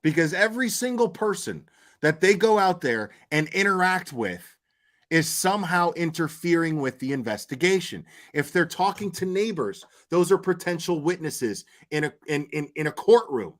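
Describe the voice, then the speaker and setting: A man with a slightly high, fairly bright voice hosts an unscripted livestream commenting on crime cases. He's blunt, argumentative and coarse, repeating phrases to hammer his points home, speaking expressively at a moderate pace.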